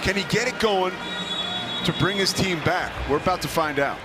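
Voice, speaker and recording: A man's voice: high-pitched, normal speed, over loud music. An American man calling live football play-by-play as the announcer on a broadcast. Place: broadcast booth at a stadium.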